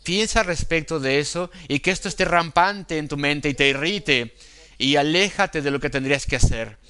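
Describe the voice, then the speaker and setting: A man preaching a sermon, quoting scripture and acting out inner temptations, with slow, deliberate emphasis. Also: fairly high pitch, bright, forceful tone, smooth.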